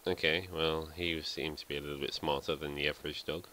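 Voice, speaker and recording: A man with an extremely deep yet bright, forward voice talks through his game in a loose, rambling way. He thinks aloud and pokes fun at himself as he goes, like a let's play host chatting to viewers. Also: little pitch movement, brisk, a little hiss or hum. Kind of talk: casual gameplay commentary.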